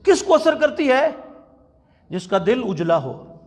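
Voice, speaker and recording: A man preaching a sermon at a religious conference in a mosque, telling stories with passion and chanting quotations slowly. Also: very high voice, very animated. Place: large mosque. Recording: long hall reverb.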